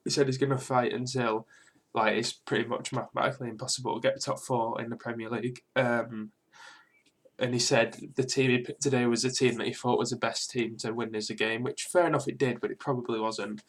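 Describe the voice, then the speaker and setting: Quiet but clear British man, sore throat. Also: mid-range voice, little pitch movement, a little fast. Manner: rambling, sweary, informal. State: mildly ill with a sore throat. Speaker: football fan video host. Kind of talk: casual match reaction vlog.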